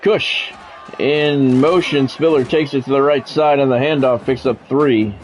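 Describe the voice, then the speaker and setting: This man calls the football action in a video game like a broadcaster, measured and clipped, with offhand gamer comments mixed in. His pitch is medium, soft music plays behind him, and the recording quality is low.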